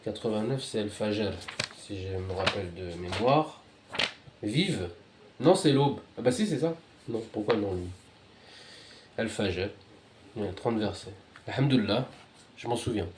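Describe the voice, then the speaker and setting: A man reading and commenting on scripture, muttering quiet asides between louder, rising recitations. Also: fairly low pitch, unhurried, pauses often, echoey room, noisy background. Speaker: religious reader.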